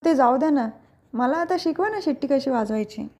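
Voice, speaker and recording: A woman's voice: high voice, lively intonation, a little fast, mellow. A woman voicing an eager, playful young man in a retold serial scene.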